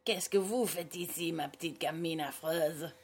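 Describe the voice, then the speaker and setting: A woman's voice: low-pitched, normal speed. A woman voicing a grumpy, balding male French ship's cook with a French accent in a storybook reading. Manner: gruff, exasperated, shouting.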